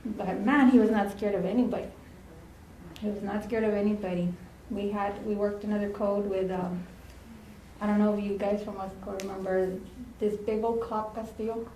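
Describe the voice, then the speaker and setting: A woman speaks at a memorial, telling anecdotes in a chatty, easygoing way and slipping Spanish phrases into her English. Her voice sits at an ordinary middle pitch. The podium mic picks up a reverberant chapel with a faint ambient hum behind her. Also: flat delivery, normal speed, warm tone. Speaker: former ambulance partner giving a eulogy. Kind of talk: storytelling eulogy. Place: funeral home chapel.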